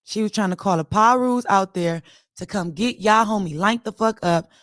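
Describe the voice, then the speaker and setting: A woman's voice: mid-range voice, moderate pace, no echo, studio quality. A young woman from Los Angeles with a Los Angeles accent, hosting an online audio room with blunt, profane, mocking commentary. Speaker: host. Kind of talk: heated casual commentary.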